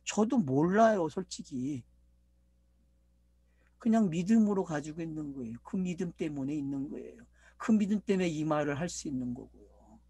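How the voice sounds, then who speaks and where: Animated and breathy-edged, a middle-aged pastor preaches at a moderate pace, pausing often and frequently questioning the congregation. His pitch and loudness swing widely, and the recording is dry.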